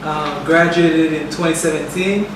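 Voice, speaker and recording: A matter-of-fact man in his twenties from Cameroon with a fairly high voice. He sounds distant, in a very echoey room. A clear hiss sits behind his voice. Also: fairly even intonation, a little slow. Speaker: interviewee. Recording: very echoey room, mic set far off.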